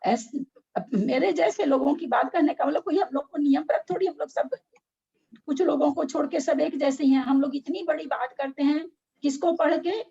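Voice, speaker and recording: A woman's voice: high voice, normal speed, creaky, dark tone, lo-fi sound. A middle-aged woman leading a casual spiritual discussion, frank and argumentative, full of rhetorical questions. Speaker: religious discussion leader.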